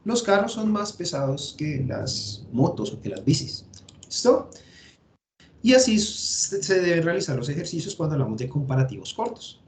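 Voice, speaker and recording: A man with a Colombian accent and a fairly high-pitched voice teaches an online class through his computer mic. He explains each step slowly and patiently, thinking aloud as he goes. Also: big pitch swings, a little hiss or hum. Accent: Colombian Spanish. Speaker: English teacher.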